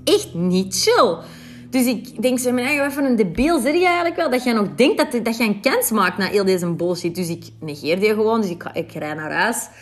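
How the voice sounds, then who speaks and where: A woman's voice: a little high, animated, a little fast, few pauses. A Flemish woman in her thirties from Belgium, chatting animatedly to her viewers in a casual storytime, with asides to them. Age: 30s. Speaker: vlogger telling a dating story.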